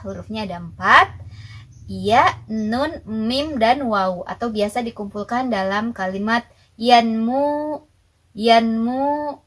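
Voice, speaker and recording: A woman's voice: on the high side, a bit bright, slightly rough, low-quality recording. A young woman, patiently teaching Quran recitation rules step by step and asking her own questions before answering them. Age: young adult. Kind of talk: recorded tajwid lesson.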